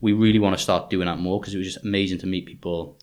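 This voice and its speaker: A man's voice: low-pitched, steady tone, fast talker. A man hosting a podcast in casual chat, rambling with many fillers and restarts. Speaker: podcast host.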